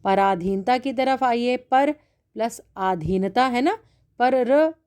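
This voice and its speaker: A woman's voice: on the high side, a little mellow, clean tone. A woman teaching a grammar lesson to children, explaining step by step and checking in often with the class. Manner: slow, drawn-out explaining with constant "है ना" checks. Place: online class recording.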